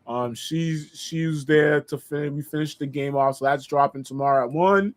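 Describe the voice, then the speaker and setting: A man's voice: a little high, normal speed. A man from Boston with a pseudo New York accent, a guest on a casual podcast who talks in a loose, rambling way with lots of fillers. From Boston, Massachusetts. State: recovering from dental surgery. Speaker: guest content creator.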